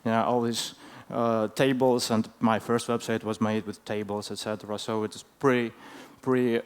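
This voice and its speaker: Halting male conference speaker, clear smooth voice. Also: fairly low pitch, flat delivery. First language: not English. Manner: hesitant, halting delivery with frequent fillers. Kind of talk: informal technical presentation.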